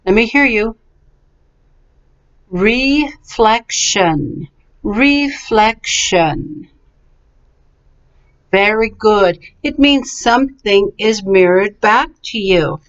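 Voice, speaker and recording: Speaking in a mid-range voice at an unhurried pace with hardly any pauses, a woman patiently teaches English vocabulary, encouragingly breaking words into syllables. Her lesson is slow and clearly enunciated, captured on a webcam that sounds slightly dull and lo-fi.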